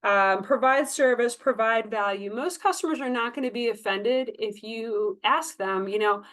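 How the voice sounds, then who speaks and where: A sales trainer with a slightly high, somewhat bright voice speaks at a normal speed, giving staff an informal talk full of tips. She coaches emphatically and conversationally, acting out example lines. The recording is rough.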